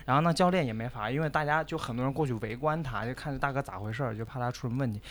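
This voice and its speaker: A man's voice: mid-range voice, very fast. A man who is a guest on a chat show, telling a funny anecdote in a casual, chatty way. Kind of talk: casual storytelling.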